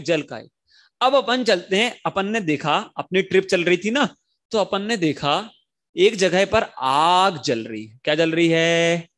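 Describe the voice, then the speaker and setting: A young man teaching an online religion class to children, coaxing them to repeat lines and chanting verses slowly over a video call. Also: sits high. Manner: animated, coaxing kids to repeat lines aloud.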